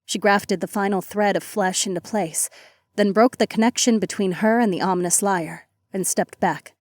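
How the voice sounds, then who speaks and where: A woman narrating a fantasy audiobook in an even, measured storytelling voice. Her pitch sits in the middle and the recording is dry and close. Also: dry recording. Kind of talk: scripted narration.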